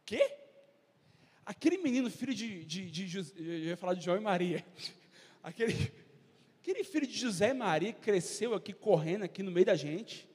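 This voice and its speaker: A man's voice: high voice, a little mellow, slightly rough. A man preaching a sermon, fervent, firing rhetorical questions at the congregation. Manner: impassioned, rhetorical questions, acts out crowd voices. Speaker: pastor. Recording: long hall reverb.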